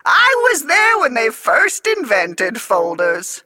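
A woman playing a rambling, hard-of-hearing old man who shouts and grumbles as a kids' podcast co-host. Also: fairly high pitch, huge pitch swings, slow, dry recording, studio quality, exaggerated voice. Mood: grumbling. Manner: shouty, grumbling, easily distracted. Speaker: morning show co-host. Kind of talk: kids' podcast character comedy.

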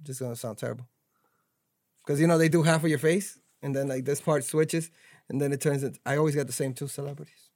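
A man's voice: on the high side, fairly even intonation, fast talker, a little mellow, dry recording. A man hosting a casual podcast chat, loose and joking, often stumbling and restarting his words. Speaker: podcast host.

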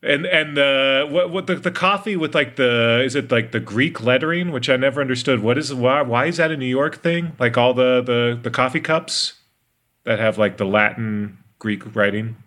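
A man's voice: mid-range voice, moderate pace, fairly bright tone. A man hosting a podcast panel, chatty and upbeat, rambling a little as he goes. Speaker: podcast host. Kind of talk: casual panel chat.

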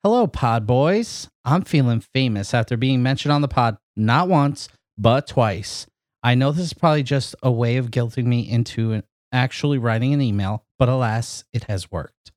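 A man's voice: medium pitch, expressive, moderate pace, darkish tone, no echo, studio quality. A man co-hosting a podcast who chats casually, laughs often and reads listener emails aloud. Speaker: podcast co-host.

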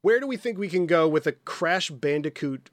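Podcast host guy, bit husky from a cold, giggly and rambly, kinda higher voice, dry close mic. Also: lively intonation, no room sound. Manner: giggly, rambling, quick asides. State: recovering from a cold, slightly husky. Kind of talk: casual podcast chat.

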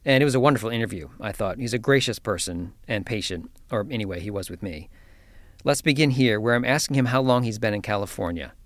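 A man's voice: lowish voice, lively intonation, quick pace. A man hosting a podcast, curious and chatty, with frequent restarts, narrating an intro and then interviewing. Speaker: podcast host.

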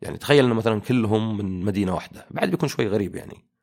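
A man's voice: on the low side, animated, rapid-fire, gravelly, darkish tone. A young man, giving a casual, argumentative monologue full of fillers. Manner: rambling, argumentative, many fillers. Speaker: commentator.

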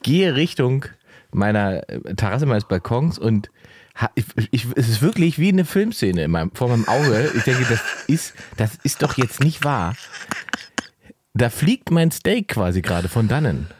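A man's voice: medium pitch, normal speed, slightly rough, no echo. A man co-hosting a casual podcast, telling stories animatedly and getting worked up. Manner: animated storytelling, gets worked up. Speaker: podcast co-host. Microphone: studio microphone.

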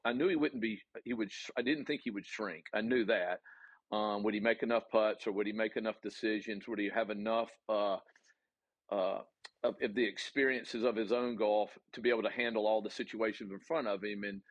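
A man with a Southern US accent, a college golf coach answering interview questions in an earnest, halting way with many ums and restarts. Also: lowish voice, dry recording, dull audio.

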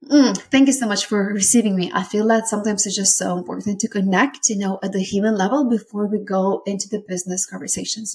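A woman in her thirties from Lithuania with a Lithuanian accent, hosting a solo business podcast in an earnest, effusive way. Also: mid-range voice. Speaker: podcast host. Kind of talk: warm solo podcast talk.

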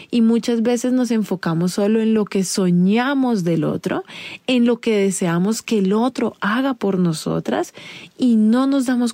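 A woman's voice: mid-range voice, vocal fry, dark tone, no room sound. A woman hosting a podcast, speaking directly and confidingly to the listener in a casual advice monologue. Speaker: podcast host.

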